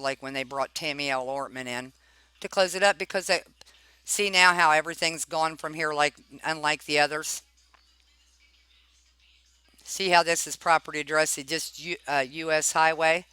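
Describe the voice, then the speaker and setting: Bright, clear voice reading records pointedly. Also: medium pitch, no echo. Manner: pointed, questioning, with frequent check-in tags. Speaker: narrator reviewing property records. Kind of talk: informal spoken commentary while reading documents aloud.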